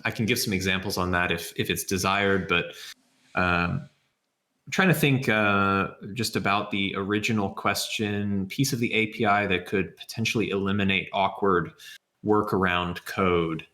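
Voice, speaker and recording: A low-pitched man with a bright, forward tone works through his answer aloud, one step at a time, as if demonstrating on screen. His voice rings in an echoey room, and keyboard typing clicks in the background. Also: steady tone, normal speed. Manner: thinking aloud, explains step by step. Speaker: software developer answering questions. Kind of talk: live Q&A with screen demo.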